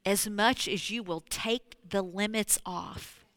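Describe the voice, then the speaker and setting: A woman preaching a sermon to a congregation. She talks to them directly, slips into hushed whispers and then rises to loud exclamations. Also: mid-range voice, takes it slowly, dry recording. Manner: addresses the congregation directly, with frequent "you know".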